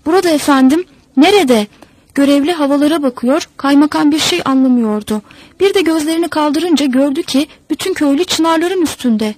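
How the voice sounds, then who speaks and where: High-voiced woman narrating a folk tale. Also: a little fast, darkish tone, rough recording. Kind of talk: storybook narration.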